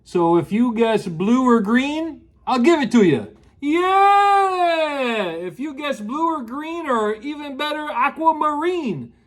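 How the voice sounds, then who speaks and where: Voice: high-pitched, animated, a little slow. A storyteller in a rambling grandpa style, reading to children with folksy asides and questions. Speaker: children's story show host.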